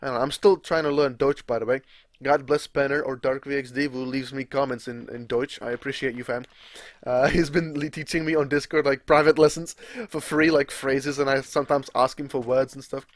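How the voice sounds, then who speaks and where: Here a young gaming creator, Czech by first language, chatters loosely over his play, cursing often and chuckling at his own antics. He speaks fairly quickly at a medium pitch with a steady tone, and the recording is dry.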